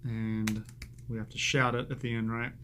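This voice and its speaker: A man's voice: medium pitch, level tone, normal speed, background noise. A man teaching a coding lesson over a screen recording, chatty and self-amused, thinking aloud as he types.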